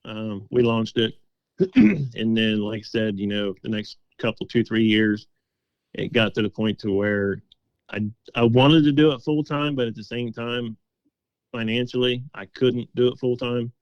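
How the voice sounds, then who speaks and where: A middle-aged game call maker, interviewed as a guest, tells stories in a folksy, casual, conversational way, quoting past conversations as dialogue. His medium-pitched voice is unhurried, and the audio is dull with no echo.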